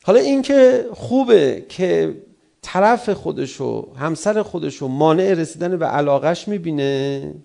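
A middle-aged male cleric preaching with a gravelly, fry-laden voice. His tone is dark and mellow. He talks in animated swings, leaping high for emphasis and dropping back to a low murmur. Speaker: cleric giving a religious talk. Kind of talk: sermon on family and anger.

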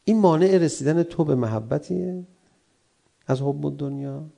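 Middle-aged man, cleric giving a sermon; gravelly, mellow, animated delivery with sharp emphatic peaks. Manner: animated, rising sharply for emphasis then dropping low. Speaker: cleric giving a religious talk. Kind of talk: sermon on family and anger.

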